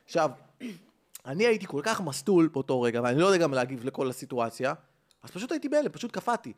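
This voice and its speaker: Animated man telling a comic story. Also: a little high. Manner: animated, acts out the people in his story. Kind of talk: casual chat, comic storytelling. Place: rooftop.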